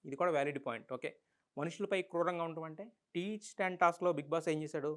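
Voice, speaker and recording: A man's voice: a little high, rapid-fire, clean tone. A man with a Telugu accent giving an opinionated, argumentative review monologue full of rhetorical questions. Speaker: reality show reviewer.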